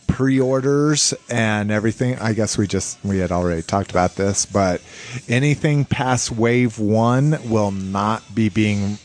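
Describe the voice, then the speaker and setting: Low-voiced man hosting casually. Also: darkish tone. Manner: informal, sweary. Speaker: podcast host. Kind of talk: casual toy news chat.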